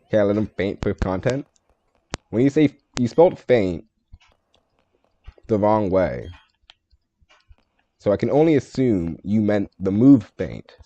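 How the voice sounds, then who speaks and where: A man's voice: lowish voice, very animated, a little slow, long pauses, mellow, dull audio. A man streaming a game live, thinking aloud, answering chat and joking about himself in a casual way. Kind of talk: live gameplay stream commentary.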